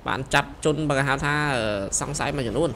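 A young man giving excited gameplay commentary, shouting quick directions as he plays. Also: mid-range voice, creaky, soft background music. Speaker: gameplay streamer. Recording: voice over loud game sirens. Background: police sirens from the game.

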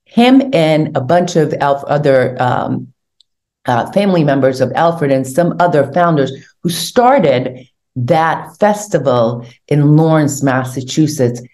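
A woman's voice: low-pitched, slow pace. An older woman, born in Hungary, talking animatedly as an interview guest over a video call from her home. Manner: animated storytelling, gesturing with hands. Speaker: guest, tour organizer. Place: home room indoors. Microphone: video call webcam.

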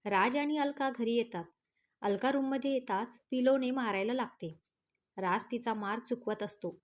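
A woman storyteller reads a serialized romance in a steady, plain way. Her voice sits somewhat high for a woman. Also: moderate pace. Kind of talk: scripted story narration.

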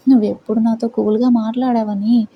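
A woman's voice: on the high side, little pitch movement, fairly quick, highs cut off, a little hiss or hum, natural voice. A woman voicing a brooding, possessive young male boss who mutters and sulks. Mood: sulky. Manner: muttering, sulky.

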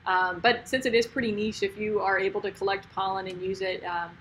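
A young woman steers the conversation in a friendly, easygoing way, with plenty of fillers. Her voice is mid-pitched, and a faint ambience sits behind it. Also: steady tone, a little fast, a bit bright, a little hiss or hum, poor audio. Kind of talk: casual discussion.

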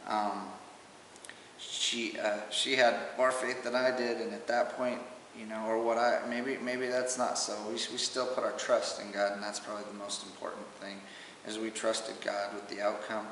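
A father gives an emotional personal testimony at home, his low, even voice halting as he speaks. The audio resembles old home camcorder footage, captured far from the mic across a roomy space with a long reverb tail and faint hiss.

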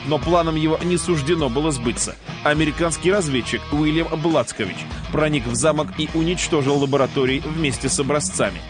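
A man's voice: a little high, brisk, hardly any pauses. A man reading dramatic scripted narration as the narrator of a TV countdown show. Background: music.

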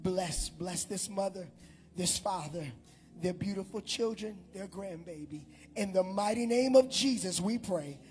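High-voiced pastor shouting to his church. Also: measured pace, faint music behind. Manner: animated, shouting to the congregation. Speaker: pastor leading prayer and offering. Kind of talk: church prayer and announcements. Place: large church hall with congregation. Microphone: handheld mic.

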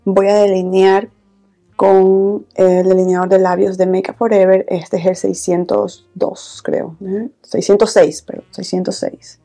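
Soft-spoken woman with a creaky mellow voice. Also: level tone, unhurried, faint music behind. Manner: soft, low-volume talking, intimate. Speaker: beauty vlogger, host. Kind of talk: casual get-ready-with-me makeup chat. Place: small indoor room, filming setup.

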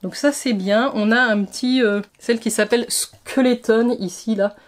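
A woman's voice: on the high side, steady tone, normal speed. A woman beauty vlogger chatting enthusiastically through a makeup palette review, with frequent restarts. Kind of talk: casual makeup review to camera.

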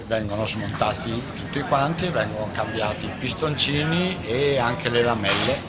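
Older man talking over loud music. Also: medium pitch, moderate pace. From Italy. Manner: relaxed, plain-spoken, with frequent fillers and restarts. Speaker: motorsport team manager. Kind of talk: casual interview. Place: team garage at a race paddock.

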